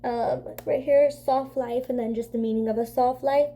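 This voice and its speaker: Young woman beauty vlogger, high mellow voice, nasal from a cold, loose rambling chat. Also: steady tone, normal speed. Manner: rambling, filler-heavy, says "like" constantly. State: congested from a cold. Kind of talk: casual chatty makeup vlog.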